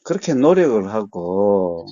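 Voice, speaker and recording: A man who teaches meditation, counseling a caller calmly and steadily, often murmuring short assents. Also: lowish voice, a little slow, no room sound, highs cut off. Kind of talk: phone counseling talk.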